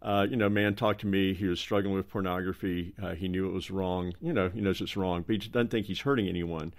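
A man with a fairly low voice talks slowly on a casual roundtable. He stumbles and restarts as he gathers his thoughts. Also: fairly even intonation. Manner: slow, halting, full of restarts.

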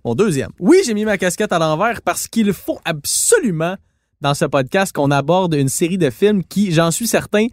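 A man's voice: high-pitched, animated, normal speed, no room sound, studio quality. A man with a Québécois French accent co-hosting a podcast, chatting in an enthusiastic, joking way. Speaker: podcast co-host. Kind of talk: casual podcast chat about car films.

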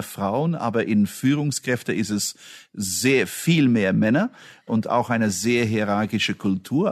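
Belgian executive speaking non-native German. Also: male voice, mid-range voice, no echo. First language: not German. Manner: earnest, slightly broken German grammar, restarts. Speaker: company chief executive. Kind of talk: interview answers.

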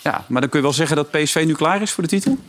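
A man's voice: fairly high pitch, lively intonation, very fast. A man hosting a casual football podcast, chatty and prodding his guests with questions. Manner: chatty, laughs often, prods with questions. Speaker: podcast host.

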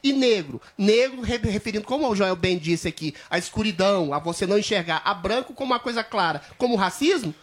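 Animated man interjecting. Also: sits high, brisk, few pauses. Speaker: debate panelist. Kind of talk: heated panel debate.

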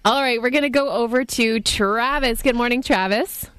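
A woman's voice: fairly high pitch, normal speed, a bit bright, no room sound. A woman co-hosting a morning radio show, teasing and laughing through casual banter. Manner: giggly, teasing.

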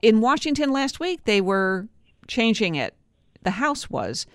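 A woman's voice: on the high side, big pitch swings, unhurried, no room sound. A woman hosting a live radio news interview, asking questions into a studio microphone.

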